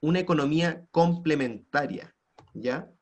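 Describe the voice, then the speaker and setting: This online class is taught by a man whose voice is a little high and whose pace is measured. He has a Chilean Spanish accent and often prompts students with tag questions, heard through a computer mic on a video call.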